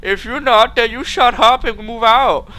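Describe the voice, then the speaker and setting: A man's voice: extremely high pitch, unhurried, bright, forceful tone, pitched above the performer's own voice, heavily acted, poor audio. A man voicing a stern, nagging mother who scolds her son in clipped, broken grammar. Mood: scolding.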